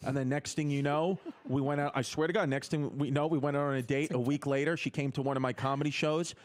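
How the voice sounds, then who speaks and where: A man's voice: fairly high pitch, fairly even intonation, fast. A young man, a stand-up comedian, telling a crude story in casual podcast chat, rambling and swearing a lot.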